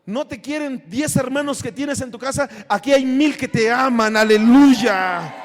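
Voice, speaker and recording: High-voiced Mexican pastor preaching loudly. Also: male voice, moderate pace, in a large hall. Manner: impassioned preaching, swings from shouts to low asides. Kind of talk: sermon. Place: church sanctuary.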